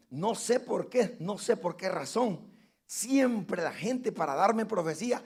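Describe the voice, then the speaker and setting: A man preaching a sermon as pastor, calling his listeners brothers and driving points home with loud repeated lines. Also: high-pitched, gravelly, breathy edge. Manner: preaching with sudden loud emphasis and repeated phrases.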